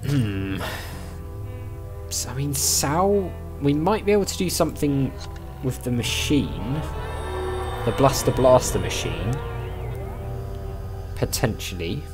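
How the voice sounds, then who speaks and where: A man's voice: medium pitch, sing-song, takes it slowly, pauses often, over music. A man hosting a let's play, thinking aloud in casual, tentative game commentary. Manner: musing, tentative.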